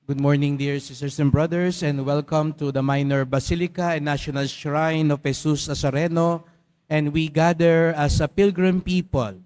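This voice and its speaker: A man's voice: fairly high pitch, darkish tone, clear, resonant tone. A man with a Filipino accent, a native Tagalog speaker, giving a conversational sermon as a priest in church.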